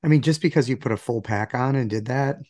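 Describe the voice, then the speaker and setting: A man with a gravelly voice, still recovering from illness, chatting casually as a podcast co-host. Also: mid-range voice, fast talker, darkish tone, dry recording, clean studio sound. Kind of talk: casual banter.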